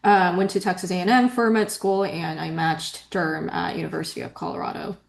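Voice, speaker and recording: A woman's voice: fairly low pitch, little pitch movement, brisk, gravelly, roomy sound. A young woman in her twenties from Korea, a new medical graduate speaking casually on a panel over a video call, chatty with many fillers. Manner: chatty, many likes and you knows.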